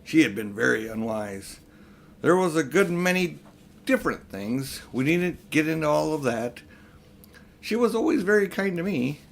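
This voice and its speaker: A pompous old magician uncle, as a male reader puts him on for a storybook. He is grandiose and condescending, talking down to others in a lively, swinging pitch. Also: moderate pace, vocal fry. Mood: confiding. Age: older.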